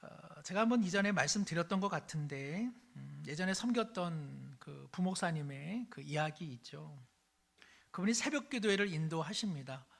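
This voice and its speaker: A pastor preaching a sermon in a church sanctuary. He tells everyday stories in a lively way and acts out each character as he goes. The pace and loudness rise and fall with the story. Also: fairly high pitch, normal speed, vocal fry.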